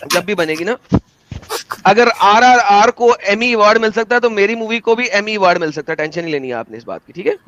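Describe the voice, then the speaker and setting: Hosting a debate over video call, this young man has a high, animated voice with a fairly bright tone and speaks fairly quickly. He comes across as theatrical, emphatic and combative, and the dull, dry lo-fi audio carries a slight hiss or hum.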